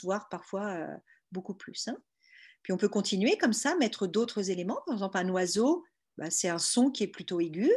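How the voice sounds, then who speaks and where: A woman giving an explanatory online lecture on hearing, patiently walking listeners through each point step by step. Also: medium pitch. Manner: patient, explains step by step with frequent "hein" and "bah". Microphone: video call.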